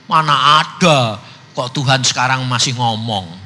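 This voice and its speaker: An older man preaching a storytelling sermon, acting out dialogue with big swings in pitch and loudness. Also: unhurried, a little hiss or hum. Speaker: evangelist preacher. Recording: long church hall reverb.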